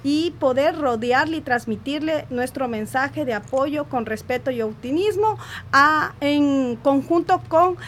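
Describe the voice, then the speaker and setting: A woman's voice: sits high, a little slow. A woman co-hosting a live radio show, speaking formally to a guest with some hesitation. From Ecuador. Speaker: radio co-host. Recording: faint background noise.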